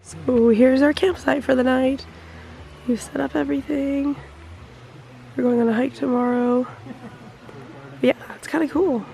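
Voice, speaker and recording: A man vlogging a road trip to a handheld camera outdoors, upbeat and chatty with a slightly hoarse voice. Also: extremely high pitch, fairly even intonation, unhurried, pauses often, poor audio. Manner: upbeat, chatty, laughs often. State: hoarse, losing his voice. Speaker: travel vlogger. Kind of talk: casual vlog narration. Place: outdoors at a beach, dunes and campsite. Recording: loud outdoor wind noise.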